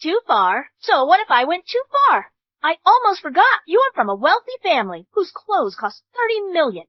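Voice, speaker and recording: A scornful, status-obsessed mother-in-law. The voice sits very high and leaps about with contempt. The sound is dry and a little dull, like a studio dub. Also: sing-song, moderate pace, dry recording. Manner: haughty, insulting. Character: snobbish, scornful wealthy middle-aged mother-in-law. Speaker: groom's mother. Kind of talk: English drama dub.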